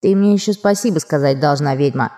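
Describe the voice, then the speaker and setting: A sardonic male arctic fox familiar from an audiobook, put on by a woman narrator. The voice sits lower than hers and has a mellow, dark tone. His manner is mocking and cheeky. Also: a little fast, natural voice. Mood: snide. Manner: snide, mocking. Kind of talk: audiobook character voicing.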